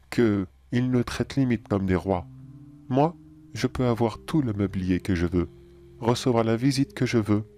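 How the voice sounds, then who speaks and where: A man playing a calm, philosophical cannibal anomaly in a horror audio drama, measured and politely menacing. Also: lowish voice, slight background noise, natural voice.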